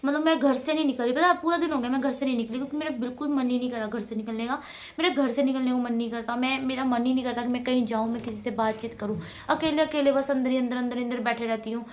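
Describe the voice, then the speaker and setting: High-voiced chatty woman vlogger. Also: fairly even intonation, fast, a little hiss or hum. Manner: chatty, rambling, talks with her face. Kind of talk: casual vlog chat. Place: at home. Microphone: clip-on mic close to mouth.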